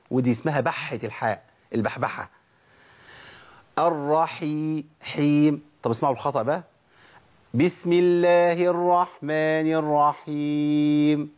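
A man with a medium-pitched voice and a breathy edge gives a tajweed lesson in an Egyptian Arabic accent. He demonstrates each sound of Quran recitation and asks questions that he then answers himself.

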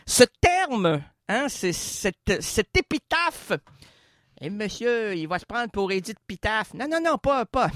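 A man's voice: high-pitched, no echo, clean studio sound. A man doing a comic monologue full of puns, who keeps interrupting himself. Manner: animated, wordplay-heavy, self-interrupting. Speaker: comedian.

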